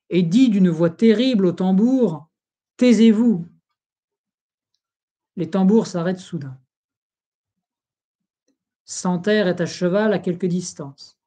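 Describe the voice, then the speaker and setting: An audiobook reader reading a history book aloud in a slow, solemn, even delivery. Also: medium pitch.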